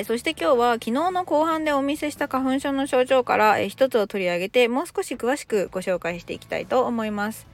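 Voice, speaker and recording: A woman in her thirties from Japan, giving a chatty podcast English lesson with casual explanations. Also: mid-range voice. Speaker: English teacher.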